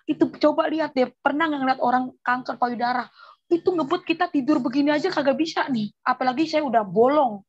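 A woman gives a personal testimony as lively storytelling, acting out the voices of the people in it. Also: sits high, fairly quick, muffled recording. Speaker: testimony speaker.

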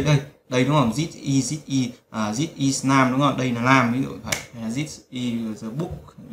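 An English teacher gives a spoken language lesson, repeatedly drilling phrases and reminding listeners to remember them. His voice is medium-pitched and a bit bright, and the recording carries a roomy echo.

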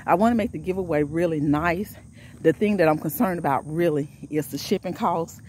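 A woman's voice: on the low side, a little fast, darkish tone, slight background noise. A middle-aged woman vlogging while walking outdoors. She is out of breath and preaches with a repetitive, exhorting style.

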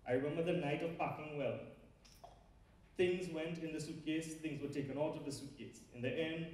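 A man from Trinidad preaches to a big audience with a Trinidadian accent, his voice fairly high and a little mellow. The sermon is conversational, sprinkled with fillers and asides, and the very echoey lecture hall leaves him sounding distant.

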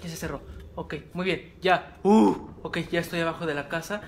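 A man's voice: a little high, moderate pace, vocal fry, a little hiss or hum. A man with a Mexican accent commenting on a horror game he is playing. He talks nervously, muttering to himself and yelping at scares. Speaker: let's play gamer.

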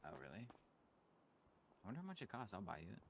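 A man's voice: fairly low pitch, huge pitch swings, moderate pace, husky. A man chatting casually on a live stream, musing and rambling with some swearing.

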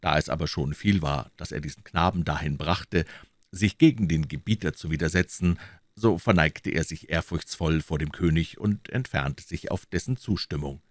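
A man narrating a classic novel as an audiobook reader in a calm, measured voice. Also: no room sound, clean studio sound. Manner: calm, measured, deep reading voice.

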